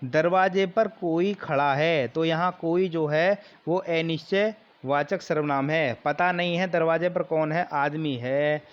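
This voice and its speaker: A man teaching a grammar lesson for exam preparation, explaining slowly and repeating key terms. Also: on the high side, muffled recording.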